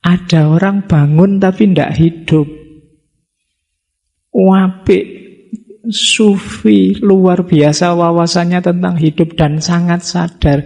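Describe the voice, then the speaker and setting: A man's voice: high-pitched, steady tone, takes it slowly, vocal fry, pauses often, darkish tone. A middle-aged man with a Javanese accent giving a casual, joking religious study lecture in a mosque hall. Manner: chatty, joking asides, plainspoken. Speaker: lecturer on Islamic philosophy.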